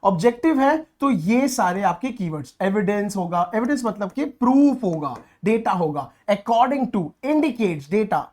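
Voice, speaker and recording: A man teaching online exam prep in an energetic, chatty lecture style, coaxing his students along. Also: sits high, measured pace, hardly any pauses. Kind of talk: online lecture mixing Hindi and English.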